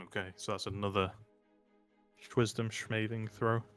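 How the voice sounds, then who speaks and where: A man's voice: on the low side, level tone, moderate pace, fairly bright tone, soft background music. A man running a tabletop game as game master, casual and swearing.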